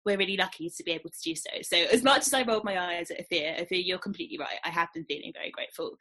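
A woman hosts a relaxed podcast panel in a bright, forward voice with a husky edge. She sits slightly low in pitch and is lively and teasing with her guests. It sounds like casual conversation, not a script. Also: racing. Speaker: presenter.

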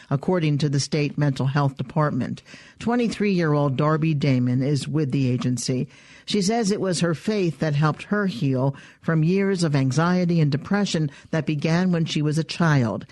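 A man reads a scripted radio news report in a measured, even way, his voice slightly high for a man. The sound is dry and close, with no room in it. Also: no echo.

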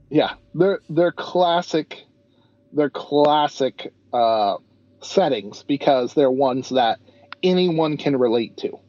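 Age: adult. Sex: man. Role: podcast co-host. Style: casual, rambling chat. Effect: low quality backup audio stream. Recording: dull and lo-fi. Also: animated, takes it slowly, a little mellow, no room sound. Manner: chatty and rambling, with many fillers.

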